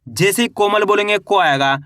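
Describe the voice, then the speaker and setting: A man with a high, bright voice teaches a reading lesson, breaking each word into syllables and then blending them back together. He asks a question and answers it himself. The sound is dry and close, with no room around it. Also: normal speed, no room sound. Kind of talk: teaching Hindi reading and spelling.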